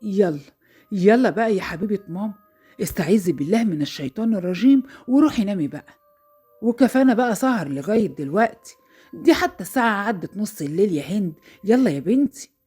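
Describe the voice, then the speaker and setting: Brief: anxious, affectionate Egyptian mom, fast-talking and a bit husky, voiced by the narrator. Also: female voice, mid-range voice, animated, warm tone, faint music behind, voice pushed down. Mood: coaxing. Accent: Egyptian Arabic. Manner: soothing, pleading, motherly. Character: worried, tender Egyptian mother.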